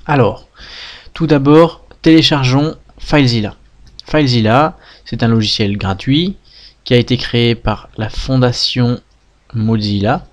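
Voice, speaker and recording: A man, patiently walking viewers through a software tutorial step by step, often checking "d'accord?". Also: mid-range voice, unhurried. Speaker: web tutorial instructor. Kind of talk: screen-recorded software tutorial.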